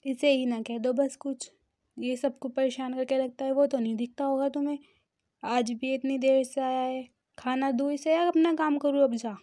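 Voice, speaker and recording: A woman's voice: high-pitched, little pitch movement, normal speed, natural voice. A woman voicing a strict middle-aged mother who nags sharply in a storybook reading. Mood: scolding. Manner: sharp, nagging.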